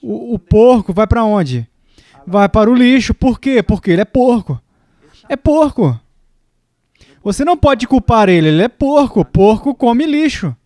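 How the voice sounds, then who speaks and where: High-voiced man preaching in a dry room. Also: expressive, measured pace, darkish tone, no room sound. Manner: storytelling with acted quotes, rising pitch in the quoted lines. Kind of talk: sermon.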